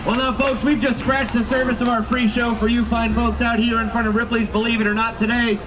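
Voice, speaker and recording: High-pitched sword-swallower sideshow barker. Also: male voice, little pitch movement, a little fast, noisy background. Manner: showman's barker patter, theatrical and emphatic, addressing the crowd. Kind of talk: live sideshow pitch to a street crowd. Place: busy street outside an attraction, later its lobby. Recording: distant mic, crowd around. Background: crowd.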